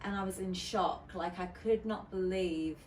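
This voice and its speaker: A British woman appearing as a DJ guest on a casual podcast interview chats candidly, using lots of fillers and restarts. Her voice is on the low side, a little slow and slightly mellow, and the recording is roomy with a distant mic and faint noise.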